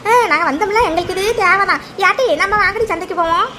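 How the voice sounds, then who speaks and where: A woman playing a sharp-tongued village woman friend in a comedy skit, mocking. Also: very high voice, quick pace, background noise.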